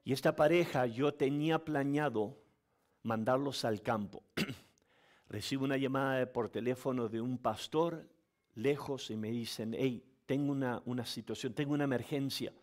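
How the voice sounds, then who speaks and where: A man preaching as pastor, telling a story with acted-out voices and laughter, in an animated storytelling manner. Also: mid-range voice, moderate pace. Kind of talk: sermon.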